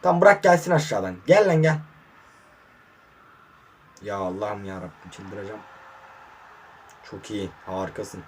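A husky-voiced man talks through his own football game in a casual, running commentary. His frustrated grumbling keeps boiling over into sharp, excited bursts. He sounds hot and worn, sweating as he plays. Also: lowish voice, measured pace, long pauses. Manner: frustrated muttering with sudden excited outbursts. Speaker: mobile football gamer. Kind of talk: casual live gameplay commentary. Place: warm room indoors.

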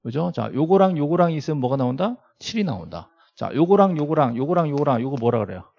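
A middle-aged male lecturer with a gravelly, mellow voice that swings up and down as he teaches law to a classroom. He keeps asking rhetorical questions and repeating key terms, with little joking asides to the students. The recording is dull and lo-fi. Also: on the high side, expressive, fast. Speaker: law lecturer at a real estate agent exam prep academy.

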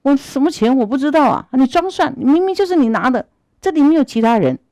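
A wrongly accused young man, put on by a woman, protesting shrilly and indignantly. His voice climbs far above her usual pitch and gets loud. The sound is dry and close. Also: very animated, quick pace, dry recording, highs cut off.

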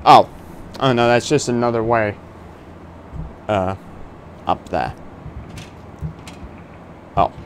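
A man in his twenties giving casual, halting, wry gaming commentary into a close desk microphone. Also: medium pitch, a little hiss or hum. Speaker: gaming video host. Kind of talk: casual let's play commentary. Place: small room indoors. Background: video game ambience.

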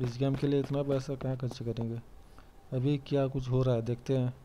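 A man's voice: medium pitch, little pitch movement, a little fast, warm tone. A young man giving casual, chatty commentary on his own gameplay and joking about himself. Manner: chatty, self-mocking, calls out to teammates. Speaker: gamer commentating his play.

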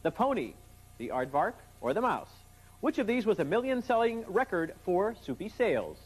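A man's voice: high-pitched, sing-song, moderate pace, breathy edge. A young American man hosting a game show, quizzing contestants with playful, joking patter. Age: young adult. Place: TV game show studio with audience. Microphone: lapel. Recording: noisy old TV tape, studio crowd.

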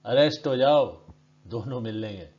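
A man's voice: mid-range voice, lively intonation, normal speed, darkish tone, lightly acted. A man doing a curt, short-tempered cop. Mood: brusque. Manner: curt, brusque. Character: short-tempered male police officer. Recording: dull lo-fi recording.

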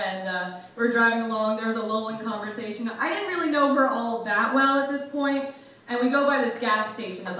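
A young adult woman doing a stand-up comedy set, with a deadpan, awkward, self-deprecating delivery. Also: fairly high pitch. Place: large university hall with live audience. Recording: echoey hall, mic from far, noisy.

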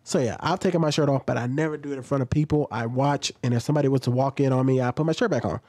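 A man's voice: mid-range voice, racing, darkish tone, dry recording. A man in his thirties giving blunt, casual reaction commentary from his home room into a close studio microphone, talking loosely with lots of fillers. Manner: blunt, conversational, many fillers. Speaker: commentary vlogger. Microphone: studio XLR mic on boom, close.

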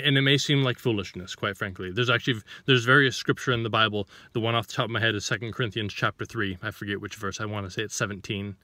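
A man's voice: on the low side, pushed and bright, no room sound. A man giving an informal sermon to the camera, reading scripture and then explaining it with rhetorical questions and a few restarts as he searches for words.

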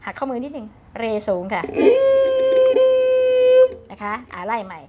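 A woman's voice: mid-range voice, unhurried, very noisy. A woman teaching a traditional Thai fiddle, patient and polite, calling out note names as she plays. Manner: patient, polite, ends phrases with ค่ะ and นะคะ; calls out note names while bowing. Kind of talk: step-by-step instrument lesson. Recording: instrument playing behind the voice.

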